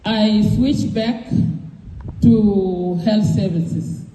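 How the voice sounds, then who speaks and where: A woman from South Sudan gives a campaign speech to a community gathering. She talks slowly in a mellow voice, halting often with fillers and restarts. The sound is echoey, as though picked up in a hall. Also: medium pitch, steady tone. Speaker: presidential candidate.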